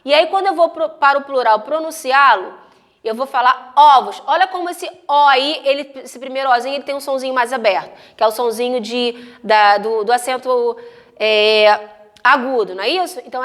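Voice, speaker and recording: High-voiced patient woman teacher. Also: a bit bright. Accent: Brazilian Portuguese. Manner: patient, explains step by step, often checks in with "tá?"; drawn-out, carefully spoken example words. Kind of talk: recorded classroom lesson for children.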